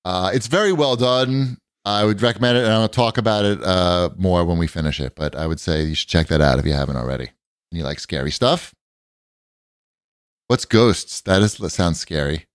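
A man's voice: normal speed, clean tone, dry recording. A man co-hosting a podcast in casual chat, joking in a wry, dry way. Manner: wry, joking, expressive swings in pitch. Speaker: podcast co-host.

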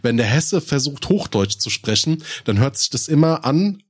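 A man's voice: mid-range voice, animated, moderate pace, husky. Rambling man with Hessian accent. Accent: Rhine-Main Hessian. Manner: rambling, restarts sentences. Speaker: podcast co-host. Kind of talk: casual podcast chat.

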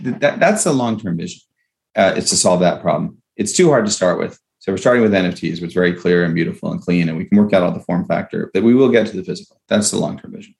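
A man's voice: lowish voice, vocal fry. A man speaking as a startup founder in a conversational interview, explaining step by step and checking in with "right?" and "okay?".

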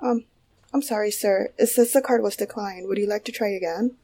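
A man's voice: sits high, brisk, mellow, voice pushed up. A man voicing a polite store cashier in a service-counter tone.

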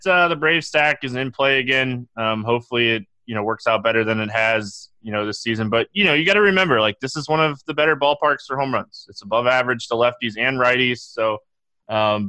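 A man co-hosting a casual sports podcast, talking in a halting way with many fillers and restarts. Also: medium pitch, steady tone, sharp tone, no room sound. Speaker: co-host.

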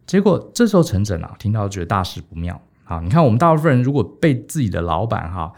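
A man, hosting a podcast and retelling an old story in a casual, animated way, often adding a little "ha" to his sentences. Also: fairly low pitch, fast, creaky. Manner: animated, peppers speech with 哈. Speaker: podcast host.

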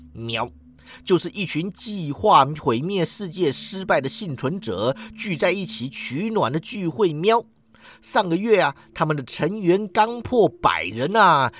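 A man's voice: a little high, a bit bright, full character voice. A man reading a story, voicing a smug, lazy male talking orange cat that ends its lines with a meow.

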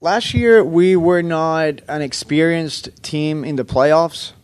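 A man speaking as a live interpreter voice in a news sound bite, halting and full of fillers. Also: a little high, smooth, no echo. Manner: halting, with many fillers and restarts. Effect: live interpreter voice relaying a player's answer. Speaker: interpreter for a ballplayer.

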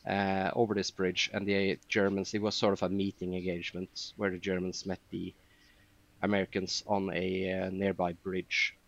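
Low-voiced man telling war reenactment stories. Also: monotone, moderate pace, vocal fry, a bit bright, highs cut off. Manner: rambling storytelling with frequent fillers. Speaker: podcast guest, reenactor. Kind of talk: casual podcast chat.

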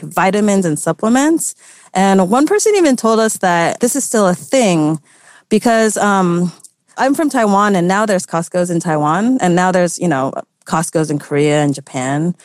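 A woman's voice: mid-range voice, lively intonation, normal speed, no echo, clean studio sound. A young American woman journalist answering interview questions in a chatty, casual way, full of filler words and light laughs. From United States. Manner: chatty, lots of "like" and "you know", light laughs. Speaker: journalist guest.

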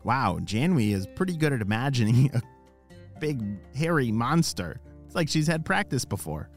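A kids show host telling stories and addressing young listeners in a playful, exclamatory, animated way. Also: medium pitch, normal speed, soft background music. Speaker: kids' show host and storyteller. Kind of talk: animated children's storytelling and kids show hosting.

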